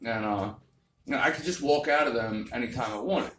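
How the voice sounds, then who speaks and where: A man's voice: mid-range voice, fairly quick, fairly bright tone. A man doing a crude, vulgar, rambling stand-up comedy set on a club stage. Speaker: stand-up comic. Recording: roomy club, distant mic, faint noise.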